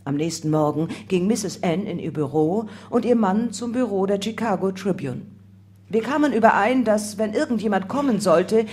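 Calm woman reading a memoir. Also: mid-range voice. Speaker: audiobook reader. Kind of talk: scripted first-person memoir narration.

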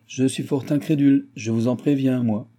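A man's voice: medium pitch, moderate pace, pitched above the performer's own voice, close to an everyday voice. A man reading the part of an old, skeptical, boisterous baron who mocks and exclaims. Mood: mocking. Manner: mocking, excitable exclamations.

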